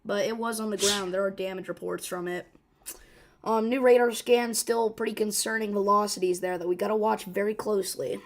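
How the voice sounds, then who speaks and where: A woman hosting a live severe weather stream, her voice hoarse and rough, talking urgently and informally with many fillers and restarts. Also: medium pitch, fairly even intonation, a little fast. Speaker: severe weather livestream host.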